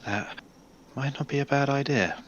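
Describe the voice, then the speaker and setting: A man's voice: mid-range voice, normal speed, lo-fi sound, a little hiss or hum. A man casually playing his character in a tabletop role-playing game, wry and rambling. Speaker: player.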